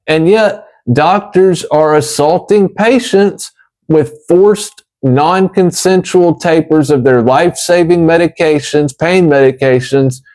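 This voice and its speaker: Man, slightly high pitch, slow pace, light lisp as if wearing a retainer, earnest emphatic advocacy talk. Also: a little mellow. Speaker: chronic pain patient advocate.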